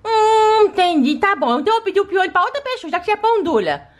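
A woman voicing a cheeky, scheming baby doll girl in a toy play video, in a high childlike voice. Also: sing-song, fast talker.

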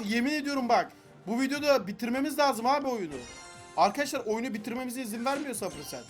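Young guy yelling at a game while opening loot boxes, really high voice, bit of music behind. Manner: frustrated, pleading, swearing at the game. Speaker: gaming YouTuber. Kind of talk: excited gameplay commentary.

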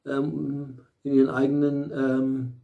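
A man's voice: mid-range voice, completely flat delivery, takes it slowly, vocal fry, phone-quality sound. A middle-aged man giving a casual tarot reading at home, rambling with many fillers and restarts and the odd blunt aside. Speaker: tarot reader. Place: small room at home, in front of a bright window.

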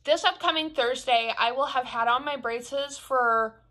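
A woman's voice: sits high, measured pace, pushed and bright. A young woman vlogger chatting casually to camera, her speech a little altered by braces and a palate expander, rambling with lots of fillers.

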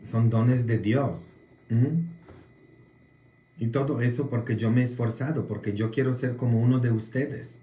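Polish-born male priest, casual viewer talk, very slow, roomy echo, keeps tossing in "mm?" checks. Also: mid-range voice, steady tone, warm tone. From Poland. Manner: slow, drawn-out delivery with frequent "mm?" tag questions.

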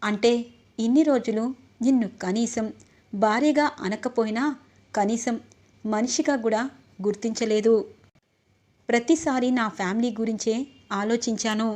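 A woman's voice: on the high side, fairly even intonation, unhurried, long pauses, darkish tone, lightly acted. A woman reading the lines of an earnest, remorseful young husband in a retold serial scene.

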